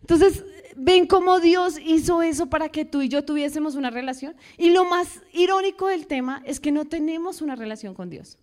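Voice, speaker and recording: Young woman preacher, high voice, animated sermon in a church, asks the room questions and acts out quotes. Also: normal speed.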